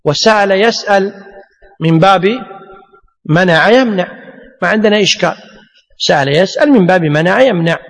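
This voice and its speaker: A man's voice: high voice, a little fast, pauses often, fairly bright tone. A man teaching a grammar lesson, asking rhetorical questions and answering them himself. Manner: emphatic, drills rules by repetition. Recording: long hall reverb.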